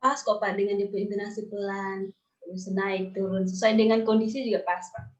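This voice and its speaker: A woman's voice: medium pitch, little pitch movement, moderate pace, dull audio. A young woman student with an Indonesian accent, giving brief, polite answers in an online class. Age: young adult.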